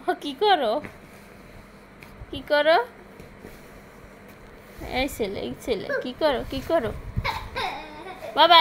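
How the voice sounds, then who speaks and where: Young woman, high voice, patient coaxing mother in a home vlog, noisy recording. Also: fairly bright tone. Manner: coaxing, teaching young children. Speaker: vlogger mother.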